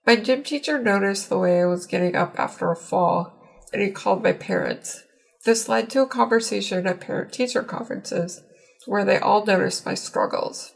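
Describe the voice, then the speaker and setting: A woman in her forties reads a personal account as a patient. Her voice is muffled by ventilation, as though something covers her mouth. It has a marked creak and sits at an ordinary middle pitch. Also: moderate pace. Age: 40s. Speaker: patient giving testimony. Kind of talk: prepared personal testimony, read out.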